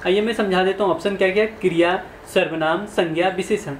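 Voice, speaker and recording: Brisk and steady, a high-voiced man reviews exam questions conversationally while questioning his listeners. The recording has room echo and faint background noise.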